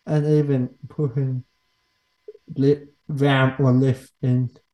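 A man hosting a casual podcast interview in halting, fragmented phrases. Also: mid-range voice, level tone, dark tone, low-quality recording. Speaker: podcast host.

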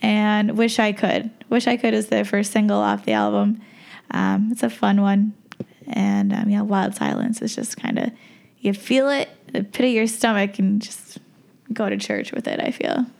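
A woman's voice: medium pitch, little pitch movement, normal speed, gravelly, a little mellow. A woman co-hosting a podcast in casual chat, chatty, enthusiastic and playful. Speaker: podcast co-host.

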